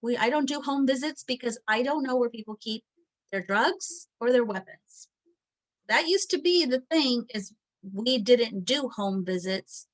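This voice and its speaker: A middle-aged woman teaches a recorded training lesson in a fairly high, animated voice, taking her time. She's chatty and candid, using lots of fillers and quoted asides.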